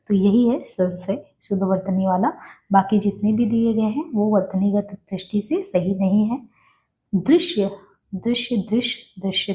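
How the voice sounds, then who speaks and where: A woman's voice: medium pitch, dark tone. A woman teaching an exam-prep spelling lesson, repeating each word and answering her own questions. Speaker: Hindi teacher.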